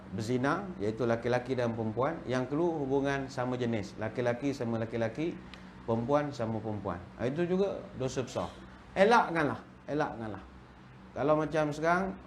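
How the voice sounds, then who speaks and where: A middle-aged Malaysian man with a Malaysian Malay accent, giving a humorous religious lecture in a jokey, animated storytelling way. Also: medium pitch, slight background noise. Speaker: religious teacher.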